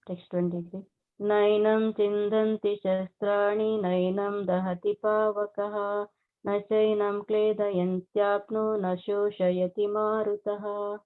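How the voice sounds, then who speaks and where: A woman's voice: medium pitch, flat delivery, slow pace. A woman reciting scripture verses formally, heard over an online call. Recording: thin phone-like online call.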